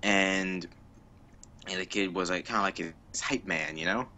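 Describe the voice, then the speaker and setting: A man's voice: low voice, steady tone, moderate pace, bright, forceful tone. A man on a casual podcast, rambling through a story with lots of fillers and restarts. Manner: rambling, filler-heavy, with frequent laughs. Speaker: podcast co-host.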